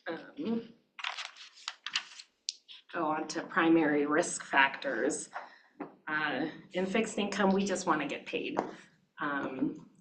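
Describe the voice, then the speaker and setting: A woman giving a brisk, matter-of-fact explanatory presentation at a board meeting. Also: deep voice, background noise.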